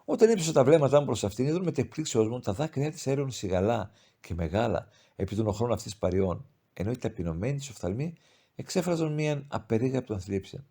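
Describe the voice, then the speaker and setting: Mellow-voiced man narrating an audiobook. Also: mid-range voice, vocal fry, husky. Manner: measured, expressive reading of formal old-style prose. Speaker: audiobook reader. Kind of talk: scripted literary narration.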